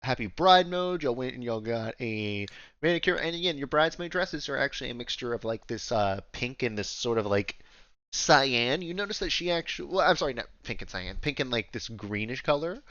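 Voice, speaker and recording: Male GM, mid pitch, rambling and jokey; muffled, dry home mic. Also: animated, brisk, a bit bright, dry recording. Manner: rambling, playful, full of "like" fillers. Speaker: game master. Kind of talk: narrating a tabletop game.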